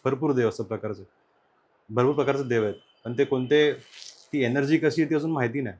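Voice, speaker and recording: A quiet male podcast host from the Konkan region of India keeps a casual chat going. He talks at an ordinary male pitch in a low-key way and often answers with soft murmurs while his guest talks. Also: fast, a little hiss or hum.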